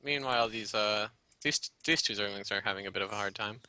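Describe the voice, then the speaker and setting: A man casting a live video game match in a casual, rambling way, often laughing and getting excited. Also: on the low side, fairly quick, smooth, no room sound. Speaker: game caster.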